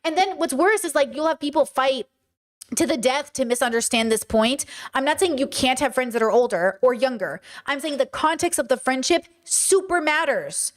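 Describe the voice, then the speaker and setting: This thirty-something streamer host has a high, expressive voice and talks at a moderate pace. Reacting to her chat, she gives casual commentary, ranting bluntly and swearing without restraint.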